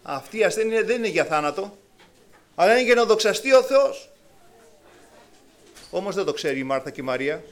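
High-voiced preacher with animated swings. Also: male voice, long pauses. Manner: animated, acts out biblical voices with sudden pitch swings. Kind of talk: sermon.

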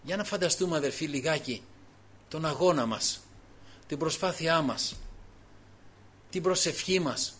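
High, bright-voiced impassioned male preacher. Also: animated, pauses often, slightly rough. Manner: impassioned preaching, swinging between hushed and loud, frequent alleluias. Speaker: pastor. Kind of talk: sermon.

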